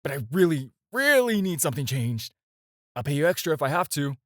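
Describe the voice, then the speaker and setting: In a dry-recorded audio roleplay, a man voices a smooth-talking, flirtatious adult supervillain who addresses the listener directly, teasing and persuasive. His fairly high, slightly bright voice swings widely in pitch as he coaxes and teases, using playful, hesitant pauses and drawn-out teasing. The mood is sheepish and pleading.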